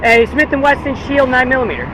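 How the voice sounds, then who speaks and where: Beside a busy road, an American man protests, declaiming repeated slogans and chatting with passersby in a very high, sing-song voice at a fast clip. Traffic noise fills the background of the outdoor recording.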